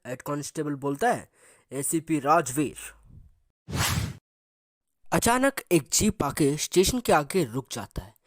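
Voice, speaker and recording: Story narrator: man, casual conversational telling, medium pitch, dry close mic. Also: no echo. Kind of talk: Hindi horror story narration.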